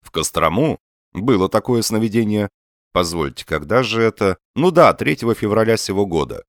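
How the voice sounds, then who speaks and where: A man's voice: lowish voice, lively intonation, normal speed, dry recording, studio quality, pitched above the performer's own voice. A man voicing a genial, self-assured young swindler who talks in a good-natured, persuasive way. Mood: breezy.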